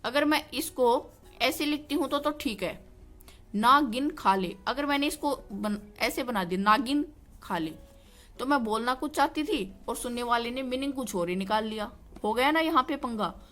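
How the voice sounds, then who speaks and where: A woman's voice: high-pitched, moderate pace, a bit bright. A woman teaching a grammar lesson, asking herself questions and then answering them, often checking in with "okay". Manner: explains by asking and answering her own questions, repeats "ठीक है". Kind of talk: classroom-style grammar lesson.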